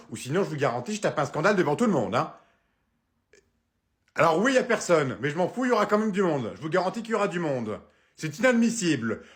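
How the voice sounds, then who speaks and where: An outraged hotel guest, put on by a man in a comedy sketch, croaks out his demands. His voice is hoarse, low and soft, yet full of indignation. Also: close to an everyday voice.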